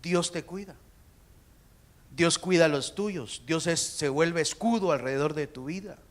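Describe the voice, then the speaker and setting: A man, a pastor, preaching a sermon and speaking straight to the congregation, with sudden shouted peaks. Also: a little high, a little slow. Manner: addresses the congregation directly.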